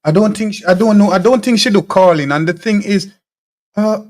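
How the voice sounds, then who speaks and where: A Jamaican man hosts a live talk show, reading viewer comments aloud and firing back blunt, combative answers. His voice is high, fairly quick and a little mellow. His delivery is loose, with phrases often repeated or restarted.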